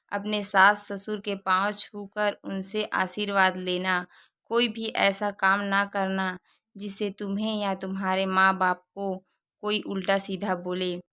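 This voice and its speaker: A woman's voice: medium pitch, bright, forceful tone, smooth. A woman doing a stern old grandmother. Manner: stern, advising. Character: cautious elderly grandmother giving advice.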